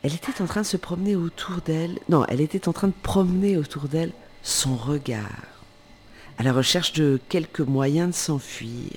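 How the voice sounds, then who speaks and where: A man's voice: a little high, normal speed, darkish tone. A man reading a children's book aloud, with casual asides and corrections. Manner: informal asides and self-corrections while reading. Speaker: reader.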